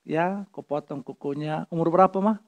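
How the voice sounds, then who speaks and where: A male pastor preaching a sermon, switching between loud, emphatic points and soft, low-voiced asides, with joking personal stories. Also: moderate pace.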